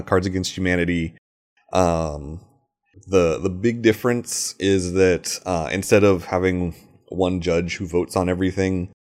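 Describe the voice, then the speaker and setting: A man who designs board games, talking casually in a rambling, halting way with lots of fillers and restarts, recording at home. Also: deep voice. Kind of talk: casual monologue. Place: home recording with airplanes overhead.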